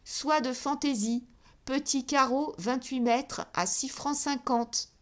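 A woman's voice: high voice, steady tone, slow, pitched above the performer's own voice. A woman voicing an ambitious young male shop clerk who calls out in a sonorous, triumphant voice. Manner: sonorous, calling out loudly.

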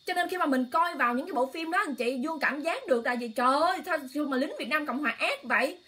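A woman's voice: sits high, fast, pushed and bright. A woman hosting an emotional political livestream, exclaiming often and speaking straight to her viewers in a heated, impassioned way. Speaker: online livestream host.

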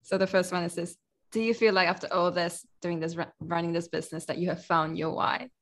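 A young woman hosting a podcast interview over a video call, asking gentle, brief questions. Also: fairly low pitch, flat delivery, a little fast. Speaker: podcast host. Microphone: video call with earphones.

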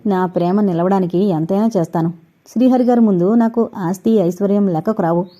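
A woman's voice: medium pitch, a little fast, dark tone, natural voice. A woman voicing a determined young heiress in love, speaking earnestly in a dull lo-fi recording. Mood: calm.

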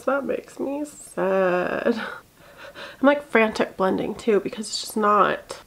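A woman's voice: medium pitch, vocal fry. A woman doing a makeup tutorial in a chatty, self-deprecating, exasperated way, often dropping to a mutter. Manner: drops to muttering and near-whispers while working. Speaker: beauty vlogger.

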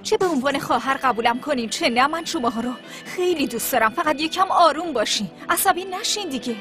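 An actress dubbing a woman who pleads with quarreling siblings to calm down. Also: high voice, music in the background. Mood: pleading. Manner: pleading, calming. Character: adult woman peacemaker among her siblings. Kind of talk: dubbed TV drama dialogue.

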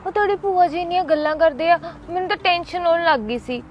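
A woman's voice: very high-pitched, animated, fast talker, dull audio, faint music behind. A young woman playing a caring girlfriend who keeps reassuring him. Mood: pleading. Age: young adult.

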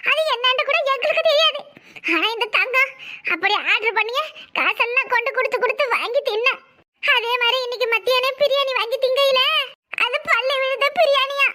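A very high, piercing cartoon voice with a bright, sharp edge. a sly village schemer who fakes loud wailing and gossips between sobs. The delivery is exaggerated cartoon acting. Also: female voice. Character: scheming village woman, mock-grieving in-law.

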